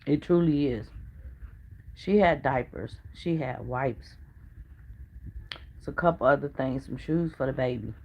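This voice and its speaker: Slow, earnest middle-aged woman storyteller. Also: very deep voice. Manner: chatty and earnest, drops to a hush when retelling what others said. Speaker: family vlogger. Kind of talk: casual storytelling to viewers.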